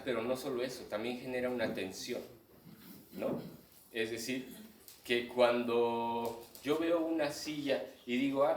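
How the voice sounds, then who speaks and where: A man with a Mexican accent, a clown presenting his book, explaining stage timing to a live audience and acting out what they think. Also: medium pitch. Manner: explanatory, acts out audience thoughts in asides. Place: live event room with audience. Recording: echoey room, distant mic.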